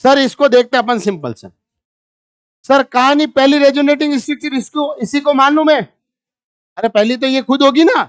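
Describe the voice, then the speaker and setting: A man's voice: extremely high pitch, moderate pace. A male chemistry teacher lectures a live class. He keeps a teasing, bantering tone with his students. He works through each problem step by step and calls on them for the answers.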